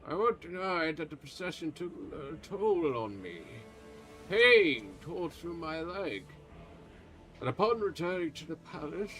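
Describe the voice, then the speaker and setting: Brief: a man playing a stern, pompous old male pontifex for a tabletop game, formal archaic delivery, slightly raised pitch. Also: very animated, a little slow, a bit bright, soft background music, poor audio. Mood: weary. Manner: formal archaic speech, haughty and accusing.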